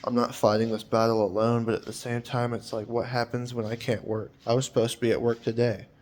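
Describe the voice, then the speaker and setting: A man's voice: mid-range voice, level tone, brisk, a little mellow. A man in his twenties talking in a personal vlog, hesitant and rambling with many fillers, sounding weary and anxious. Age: 20s.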